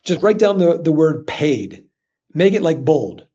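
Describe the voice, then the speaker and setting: A man's voice: fairly high pitch, unhurried, lo-fi sound. A man teaching sales objection handling in a live webinar, talking casually and acting out customer dialogue. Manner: energetic, conversational, acts out customer dialogue. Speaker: sales trainer. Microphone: video call.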